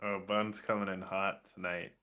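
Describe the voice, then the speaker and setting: Moderator on a group call: a man with a low, very sharp voice and wry jokes. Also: little pitch movement, normal speed, smooth.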